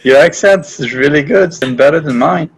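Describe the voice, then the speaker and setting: A man's voice: on the high side, normal speed, vocal fry, husky, rough recording. A man from France, a native French speaker, hosting a podcast interview with brief questions and joking asides. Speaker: podcast host.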